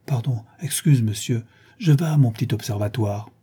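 A man's voice: medium pitch, normal speed, dark tone, breathy edge. A man voicing a nosy, self-important old male porter who talks in a prim, fussy way. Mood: gossipy. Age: older.

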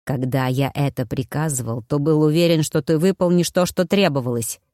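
Женщина изображает резкий злодей-аристократ. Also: female voice, low-pitched, moderate pace, warm tone, no room sound, studio quality, pitched below the performer's own voice, natural voice. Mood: scolding. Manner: curt, scolding, snapping. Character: scheming male nobleman impostor, harsh and commanding.

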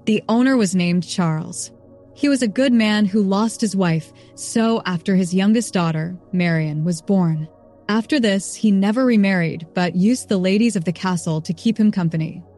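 A woman's voice: medium pitch, normal speed, warm tone, faint music behind, close to an everyday voice. A woman voicing a meek, obedient young serving woman in a castle. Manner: meek, deferential.

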